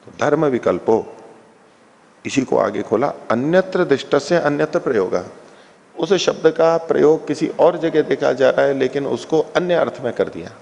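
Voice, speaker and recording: A man's voice: medium pitch, lively intonation, normal speed, vocal fry, darkish tone, in a large hall, lo-fi sound. A man giving an explanatory lecture on a philosophy text as a scripture teacher, patiently repeating and unpacking each term.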